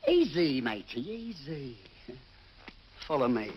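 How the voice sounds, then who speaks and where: An actor playing a wheedling, shifty dockside go-between, in 1940s film style. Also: male voice, on the high side, big pitch swings, takes it slowly, dull audio. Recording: hissy 1940s film soundtrack.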